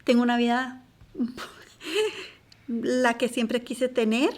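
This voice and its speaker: A middle-aged woman from Colombia giving a slow, hushed personal testimony in an interview, often dropping to a near whisper. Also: a little high.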